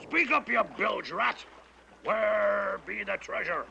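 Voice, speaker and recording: A man playing a coarse, impatient pirate bully in a theme park ride, with a gravelly voice. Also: high voice, animated, takes it slowly, pushed and bright, exaggerated voice. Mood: threatening. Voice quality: very creaky, gravelly. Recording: dull, noisy ride recording.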